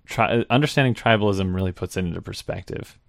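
A man's voice: sits low, fast, gravelly, no room sound, clean studio sound. A young man hosting a podcast, asking questions in a hesitant way and laughing easily. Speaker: podcast host. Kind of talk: casual interview talk.

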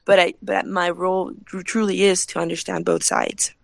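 A woman's voice: on the low side, level tone, normal speed, vocal fry, no echo. A young woman from Peru, a podcast guest, speaking thoughtfully and often repeating words as she searches for them. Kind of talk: casual interview talk.

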